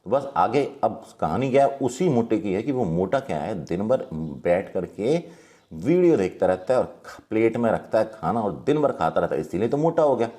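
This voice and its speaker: A man, teaching general-knowledge memory tricks in a lively storytelling way. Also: fairly low pitch, normal speed. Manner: lively, storytelling, acts out little quotes.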